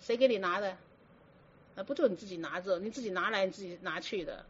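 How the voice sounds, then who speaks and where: A woman's voice: mid-range voice, fast talker, slightly rough. A woman teaching a Buddhist sermon, often asking her listeners rhetorical questions. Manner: asks many rhetorical questions. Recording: dull lo-fi recording.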